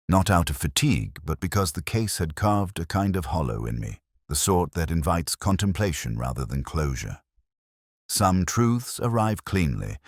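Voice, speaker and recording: A man playing a weary, introspective police inspector, narrating his case in a measured, solemn, contemplative literary style. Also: very deep voice, dry recording, studio quality, exaggerated voice. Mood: pensive, solemn. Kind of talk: slow literary first-person scripted narration.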